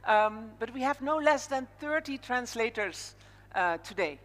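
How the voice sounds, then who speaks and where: A slightly high, somewhat bright voice comes across animated yet measured in pace. The speaker, a Dutch woman with a Dutch accent, is informally MCing a live conference opening from the stage of a large indoor hall, where the PA sound echoes widely.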